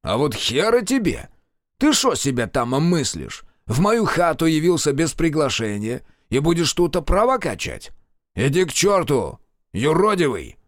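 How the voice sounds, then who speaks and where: A man voicing a fierce, scornful old village sorcerer who speaks bluntly in rough rustic speech and swears. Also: mid-range voice, big pitch swings, a little slow, dry recording, studio quality, pitched above the performer's own voice. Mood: gruff.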